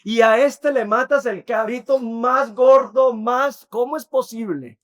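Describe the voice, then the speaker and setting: A man's voice: very high voice, measured pace, a bit bright, highs cut off, pitched above the performer's own voice. A man preaching, acting out a resentful grown older son who bitterly protests being overlooked. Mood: indignant.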